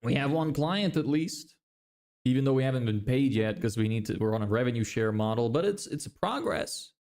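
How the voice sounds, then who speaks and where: He talks a little fast in an animated, mid-range voice with a darkish tone. The speaker is a young Lithuanian with American-sounding English, livestreaming as he builds a business, reading viewer comments and cracking self-deprecating jokes with casual swearing and plenty of laughter.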